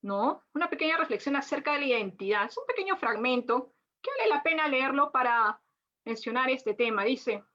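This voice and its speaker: A woman's voice: high-pitched, animated, fairly quick, sharp tone. A woman giving an academic lecture on literature, full of restarts and tag questions. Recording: dull lo-fi audio.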